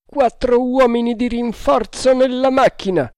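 A man voicing an agitated quartermaster who yells urgent orders to the crew. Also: very high voice, unhurried, no room sound, pitched above the performer's own voice. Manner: shouted urgent commands.

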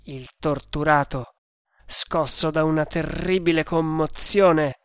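A reader narrating an adventure novel in a measured, dramatic audiobook style. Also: medium pitch, fairly even intonation, clean tone, no room sound, studio quality.

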